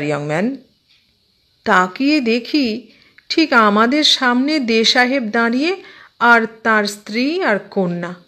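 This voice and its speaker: A woman narrating a literary short story as an audiobook, reading slowly and evenly and giving each character's lines their own voice. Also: mid-range voice, fairly bright tone.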